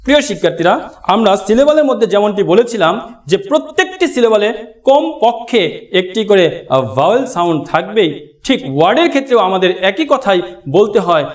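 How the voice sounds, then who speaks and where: A male teacher with a Bangladeshi Bengali accent, giving a classroom grammar lesson, addressing his students directly and slowly spelling out example words. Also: high-pitched. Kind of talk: classroom lesson explaining at a board.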